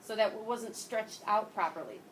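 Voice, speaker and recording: A woman's voice: mid-range voice, very animated, moderate pace, a bit bright, reverberant. A woman teaching young children in an encouraging kindergarten-teacher manner, asking questions and repeating their answers back to them. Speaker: early grade teacher leading class discussion. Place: classroom with children. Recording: noisy classroom, picked up from far off.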